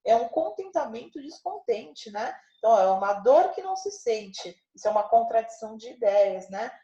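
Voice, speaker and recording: Her fairly high voice has a sing-song lilt and a warm tone, moving at a normal speed. She's a teacher patiently explaining figures of speech in a grammar lesson, often adding tag questions to check on her listeners, in a reverberant recording with the highs cut off.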